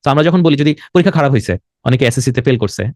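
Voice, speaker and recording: Teaching IELTS online, this young Bengali-speaking man with a Bangladeshi accent has a medium-pitched, expressive, darkish voice. He goes slowly, mixes in English words and writes on a board as he talks, recorded in studio quality with no echo.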